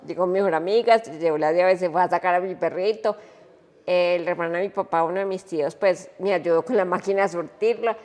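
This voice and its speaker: A woman, a podcast guest telling a personal story in an animated, emotional way. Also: lowish voice, fairly quick, long reverb tail.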